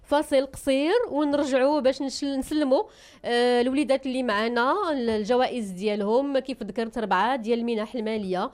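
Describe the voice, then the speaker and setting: A woman with a Moroccan accent hosting a live radio program, chatty and quick to praise the children she talks to. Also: fairly high pitch, a little mellow. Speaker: radio host.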